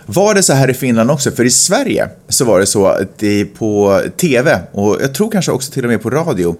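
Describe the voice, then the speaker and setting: A man's voice: mid-range voice, very animated, darkish tone. A man with a Stockholm Swedish accent, co-hosting a podcast in casual discussion, thinking aloud and rephrasing as he goes. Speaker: podcast co-host.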